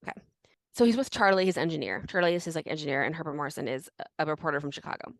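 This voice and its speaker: A woman's voice: sits low, expressive, very fast, no echo. Chatty woman podcast host. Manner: chatty storytelling, filler-heavy. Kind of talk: casual chat.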